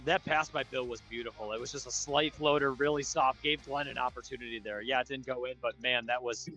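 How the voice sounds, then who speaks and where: An American man adds easygoing color commentary to an amateur floor hockey stream, praising passes and relaying what he overhears from the bench. His voice sits at an ordinary middle pitch, and he talks in a loose, chatty way. Faint music runs underneath. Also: a little fast, rough recording. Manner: relaxed analysis with fillers and restarts. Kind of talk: amateur live sports commentary.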